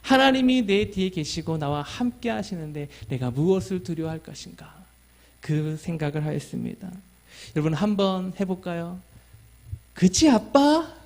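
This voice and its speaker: Pastor, man, high voice, earnest sermon delivery that asks the congregation questions. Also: moderate pace. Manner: tells a family story and acts out his child's lines.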